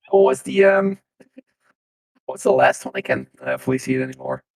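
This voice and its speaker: A man using a deep pitch-shifting voice changer to voice a friendly robot champion with glitchy updates, trying the lines out both flat and with feeling. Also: gravelly, full character voice, rough recording. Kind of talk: voice-line tryout on a live stream.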